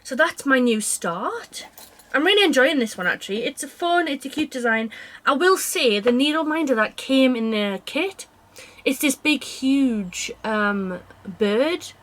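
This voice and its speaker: Chatty woman, higher-pitched voice. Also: lively intonation, a little slow, fairly bright tone. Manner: chatty, rambling, self-interrupting asides. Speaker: cross-stitch vlogger. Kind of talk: casual chat to camera.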